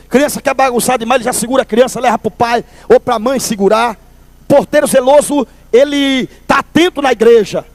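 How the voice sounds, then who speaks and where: Guy w a doing a funny church testimony, really high voice, dry sound. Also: no room sound. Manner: lively storyteller, calls listeners brother. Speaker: testimony speaker at a church service. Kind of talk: humorous testimony storytelling.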